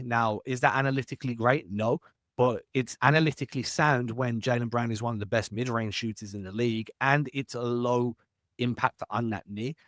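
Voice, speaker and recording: A man's voice: medium pitch, fairly bright tone, dry recording, clean studio sound. A man hosting a sports podcast, asking long winding questions and laying out his own analysis with self-deprecating asides. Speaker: podcast host.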